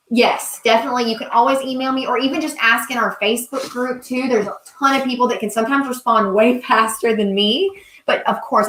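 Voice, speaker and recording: A young Southern woman from South Carolina, US, works on crafts during a live stream, chatting and gushing, reading viewers' comments aloud and thanking them. She has a fairly high, fairly bright voice, and the recording carries a roomy echo.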